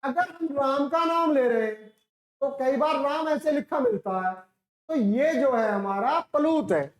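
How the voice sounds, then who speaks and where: High-voiced woman teacher in an echoey room. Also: expressive, unhurried. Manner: explains step by step, asks questions and answers them herself; demonstrates sounds by drawing them out. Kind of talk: classroom lecture.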